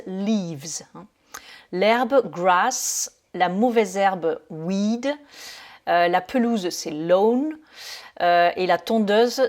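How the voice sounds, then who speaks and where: Slow, hesitant woman teaching vocabulary. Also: mid-range voice. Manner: many hesitations and fillers; slow, careful, says each English word after the French one. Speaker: English teacher. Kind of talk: vocabulary lesson.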